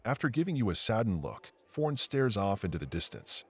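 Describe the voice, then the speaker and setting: A man's voice: lowish voice, very animated, fairly quick, husky, full character voice. A man playing the narrator of a fantasy video game, reading scripted descriptions of the characters. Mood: descriptive.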